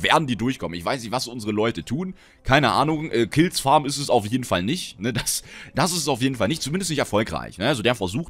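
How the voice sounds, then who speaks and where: A young man giving excitable, frustrated live commentary on his own gameplay, often cursing at teammates. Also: mid-range voice. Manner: excitable, swearing, frustrated outbursts. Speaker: gaming commentator. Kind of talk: live Let's Play commentary.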